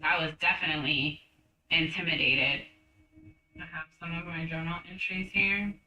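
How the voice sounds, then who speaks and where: A woman's voice: deep voice, steady tone, moderate pace, bright, forceful tone, echoey room, far from the mic, slight background noise, poor audio. A woman, a former personal chef, telling her story in a documentary interview in a candid, reflective way.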